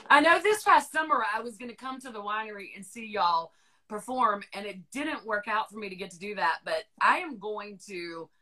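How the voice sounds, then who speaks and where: Southern woman, podcast host, bright tone, chatty, casual interview. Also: mid-range voice, expressive, moderate pace, rough recording. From North Carolina. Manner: chatty, friendly, rambling questions.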